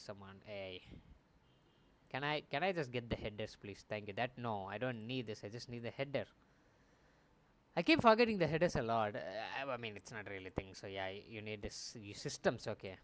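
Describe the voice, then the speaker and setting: Talking into a desk microphone, a young man with a fairly low voice casually narrates his game development on stream, wandering off topic and fixing his own statements as he reasons aloud. A little hiss or hum is audible.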